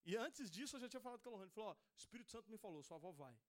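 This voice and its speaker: A young man from Brazil, giving a sermon testimony in a church. His voice sits high and he talks fast. He tells the story casually, full of everyday slang. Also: expressive. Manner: casual storytelling, says "velho" and "cara" often. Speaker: preacher.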